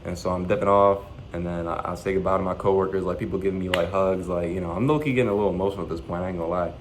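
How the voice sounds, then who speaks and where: A young man with a low-pitched voice rattles off a story at a quick clip, full of slang and swearing. He acts out what everyone said to him. A faint hum of ambience sits behind him. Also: poor audio. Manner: animated, profane, slangy retelling with quoted dialogue. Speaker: vlogger. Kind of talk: casual storytelling.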